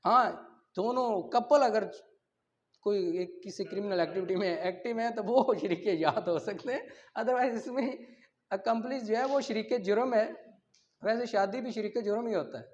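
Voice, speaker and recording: At a moderate pace and high pitch, a Pakistani-accented man lectures law students, reading out articles before explaining them. He keeps checking their understanding while blending Urdu with English legal terminology. His classroom recording is dull and lo-fi, with slight background noise.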